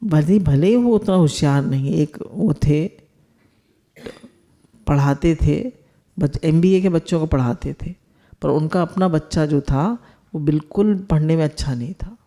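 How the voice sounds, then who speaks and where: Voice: medium pitch, unhurried, dark tone. A spiritual teacher giving a discourse, explaining with everyday household examples and asking the listeners rhetorical questions.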